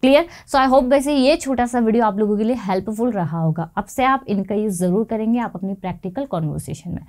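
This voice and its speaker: A young woman teaching an online language lesson. She explains the rules step by step and says each example sentence slowly and deliberately. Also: a little high, a little mellow. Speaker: English teacher.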